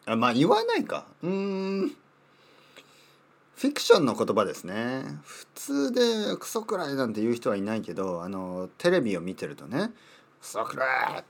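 A man's voice: mid-range voice, slightly rough. A man in his thirties hosting a casual podcast for language learners, playful and rambling, often repeating words as he thinks aloud. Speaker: podcast host teaching Japanese. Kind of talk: casual solo podcast talk.

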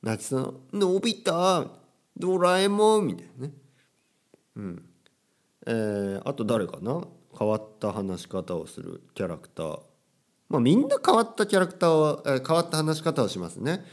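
A man's voice: medium pitch, very animated, moderate pace. A young man teaching casually, with playful quotes of characters and phrases. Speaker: Japanese teacher. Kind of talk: casual language lesson.

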